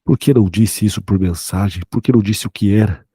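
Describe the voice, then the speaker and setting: A man's voice: on the low side, fairly quick, dark tone, slightly rough, no echo, studio quality. A man voicing an anxious male hacker who presses his friend with questions in a horror story.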